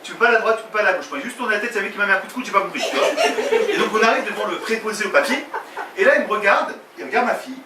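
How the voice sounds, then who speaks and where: A male stand-up comedian telling a story with animated delivery and loud put-on voices, with crowd banter. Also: high voice, racing. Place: comedy stage with live audience. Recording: echoey, distant live room with audience noise. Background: audience laughter.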